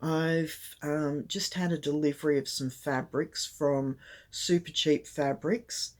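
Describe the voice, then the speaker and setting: Older woman, croaky, rambling host chatting to camera on a tablet. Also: deep voice, steady tone, takes it slowly. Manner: rambling, full of ums. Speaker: craft channel host. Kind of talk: casual chat to camera. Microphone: tablet camera mic.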